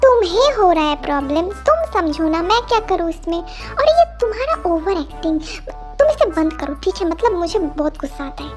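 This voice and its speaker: A woman's voice: extremely high pitch, big pitch swings, a little fast. Woman doing a feisty young assistant girl. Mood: indignant. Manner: indignant, argumentative, exclaiming. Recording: faint music behind.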